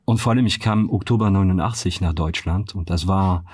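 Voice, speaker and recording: Man, french accent, fifties, lowish voice, halting with lots of fillers, dry close sound. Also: a little mellow, husky, no echo. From France. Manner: hesitant, many fillers and restarts. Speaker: founder and CEO, podcast guest. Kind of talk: reflective interview talk.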